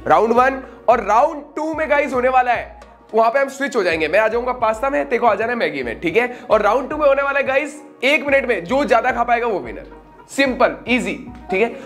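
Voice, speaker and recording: A chatty young man with a high, light voice hosts a food challenge, checking in with his audience as he goes and talking through mouthfuls. Soft music plays underneath. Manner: chatty, keeps asking "ठीक है?"; talks while eating. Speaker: vlog host. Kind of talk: casual food challenge vlog.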